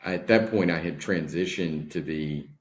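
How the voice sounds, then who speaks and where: Very deep-voiced man in his forties. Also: measured pace. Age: 40s. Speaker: podcast guest. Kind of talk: casual interview talk.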